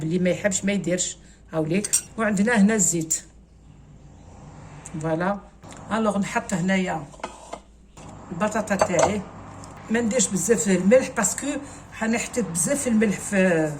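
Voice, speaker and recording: A woman's voice: mid-range voice, a little hiss or hum. A woman with an Algerian accent, casually talking viewers through a cooking recipe step by step and slipping French words into her speech. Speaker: cooking channel host.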